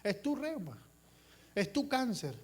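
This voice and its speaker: Very high-voiced impassioned male preacher. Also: big pitch swings, slow, breathy edge. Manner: impassioned, acts out voices, rhetorical questions. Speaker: pastor. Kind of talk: sermon.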